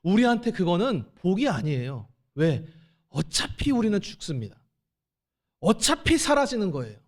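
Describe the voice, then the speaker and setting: A male pastor delivers a lively sermon to his church in a fairly high voice. His pitch swings widely as he talks straight to the congregation and voices God's questions with growing force. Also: normal speed. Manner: animated preaching, acting out God's voice with rising force; conversational, addresses the congregation directly.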